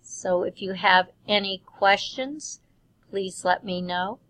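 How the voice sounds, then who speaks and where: A middle-aged woman instructor giving recorded feedback on a business writing course, measured and dotted with ums. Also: mid-range voice, a bit bright, dry recording, poor audio. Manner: measured, with frequent um fillers.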